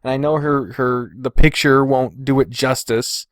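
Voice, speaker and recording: A podcast host chats casually and swears freely while reading and reacting to viewer comments. His medium-pitched voice holds a steady tone and runs a little slow, with no room sound.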